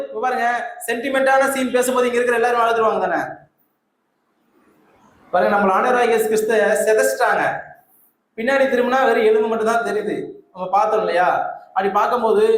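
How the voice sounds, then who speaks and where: A man's voice: very high-pitched, a little hiss or hum. A man preaching a conversational sermon in a church, quizzing the congregation with questions and waiting for their answers. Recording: echoey hall with faint ambience.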